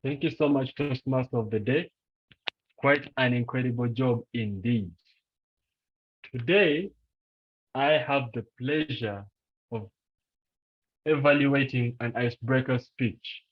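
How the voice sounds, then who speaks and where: A man's voice: medium pitch, slow pace, pauses often, highs cut off. A man acting as speech evaluator, introducing a speaker in a polite, formal and encouraging way. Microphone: video call.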